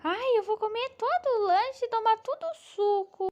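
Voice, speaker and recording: A woman's voice: very high voice, expressive, moderate pace, darkish tone, pitched above the performer's own voice. A woman voicing a cheerful little girl doll, with a sweet, whiny childlike voice.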